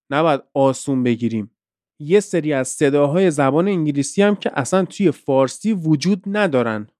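Clear-voiced man teaching pronunciation. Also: a little high, a little mellow, dry recording, clean studio sound. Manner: conversational, explains with examples. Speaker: English teacher and podcast host. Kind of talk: explanatory podcast lesson.

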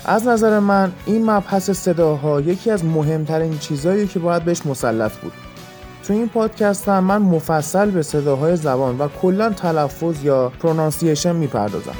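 A man with a fairly high but mellow voice hosts a podcast lesson. He explains patiently, one step at a time, and gives example after example. Soft music plays faintly behind him. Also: expressive. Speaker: podcast host and English teacher.

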